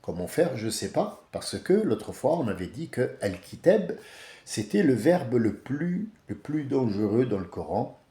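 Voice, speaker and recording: A man's voice: mid-range voice, big pitch swings, measured pace, warm tone, echoey room. A man giving a casual, blunt monologue as a religious commentator, rambling with many restarts.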